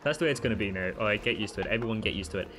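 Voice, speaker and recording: Talking very fast with music in the background, a man hosting a gaming channel delivers frantic, profane let's play commentary to himself and his viewers. His pitch spikes sharply each time he panics.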